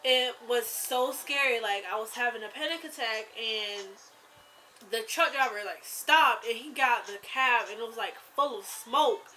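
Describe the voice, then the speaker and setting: A young woman vlogging, telling a scary story in a rambling, animated way with lots of fillers. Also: on the high side, a little slow, slight background noise, low-quality recording. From rural US South. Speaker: YouTuber. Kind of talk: casual storytelling vlog.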